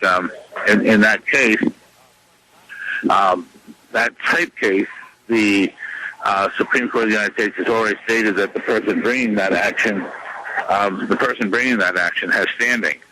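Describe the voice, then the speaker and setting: A man speaking as a radio guest, insistent and combative, repeating his points with many pauses and fillers. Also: on the low side, pushed and bright, low-quality recording. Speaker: radio show guest, lawyer. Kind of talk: radio interview, phone-in.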